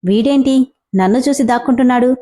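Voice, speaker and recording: A woman's voice: a little high, fast talker, natural voice. A woman voicing a hot-tempered, bossy female college senior in a spoken storybook. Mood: sharp. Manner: sharp, bossy.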